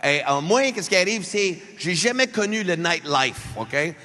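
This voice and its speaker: A man from Alberta in his thirties doing live stand-up comedy, animated and joking with the crowd while mixing French and English. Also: sits high, a little slow. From Alberta, Canada. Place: large arena before a live crowd. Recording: long arena reverb, faint crowd noise.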